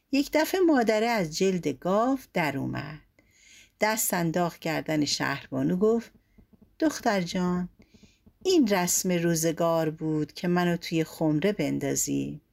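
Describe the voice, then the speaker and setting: Woman storyteller, low husky gravelly voice, lively animated delivery, folk tale narration.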